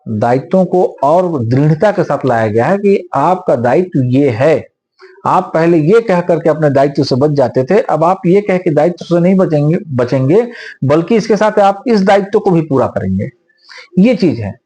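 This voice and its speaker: A man, a senior advocate, answers interview questions in a measured, lecturing manner. His voice sits a little high, with a husky, mellow tone. He explains law patiently with everyday examples. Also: lively intonation.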